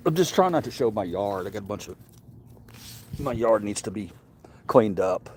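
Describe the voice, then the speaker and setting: A middle-aged Southern-accented man from Mississippi hosts a livestream, his lowish, slightly mellow voice moving at a moderate pace with lively intonation. He rambles casually and repeats words, over slight background noise.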